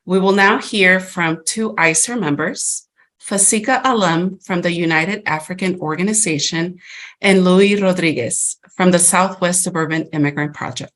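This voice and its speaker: A woman's voice: lowish voice, moderate pace, a bit bright. A woman hosting the event, thanking a speaker and introducing the next guests in a polite, formal way. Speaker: event host. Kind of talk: scripted introductions.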